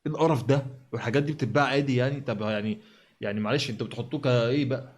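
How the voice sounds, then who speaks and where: A man with an Egyptian accent hosting a reaction video, talking in an exasperated, sarcastic way. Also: mid-range voice. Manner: exasperated, sarcastic, rapid-fire. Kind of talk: mocking reaction commentary.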